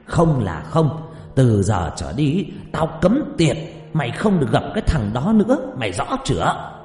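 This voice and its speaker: A man voicing a wealthy, hot-tempered old landlord father who scolds and shouts harshly. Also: fairly low pitch, big pitch swings, fast. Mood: furious. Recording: echoey reverb, faint music behind.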